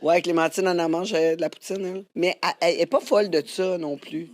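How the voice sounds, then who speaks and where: A woman's voice: on the low side, fairly even intonation, fast talker, a little mellow, no echo. A woman with a Québécois accent hosting a podcast, chatting casually and laughing easily with her guest. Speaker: podcast host. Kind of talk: casual chat interview.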